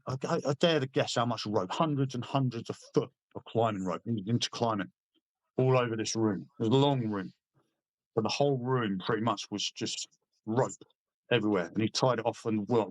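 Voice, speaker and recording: A podcast guest and former soldier, this middle-aged Briton speaks at medium pitch with no room sound. His stories are laddish and casual, peppered with swearing, and he acts out quoted dialogue.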